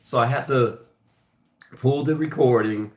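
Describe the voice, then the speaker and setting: A man giving a casual live music lesson, thinking aloud in a halting way and often restarting his phrases. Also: mid-range voice. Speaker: music teacher hosting a livestream. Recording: echoey room with piano playing. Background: piano.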